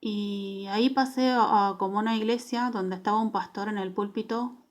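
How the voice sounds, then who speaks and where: A woman with an Argentine accent tells her dreams as a personal testimony. She speaks earnestly and haltingly, often restarting her phrases. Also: medium pitch, fairly even intonation. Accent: Argentine Spanish. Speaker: church member sharing dreams.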